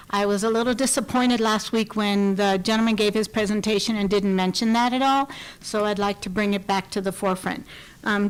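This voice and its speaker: A woman's voice: on the high side, clean tone, poor audio. Earnest woman giving public comment. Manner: earnest and explanatory, with frequent ums. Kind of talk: public comment at a county board meeting.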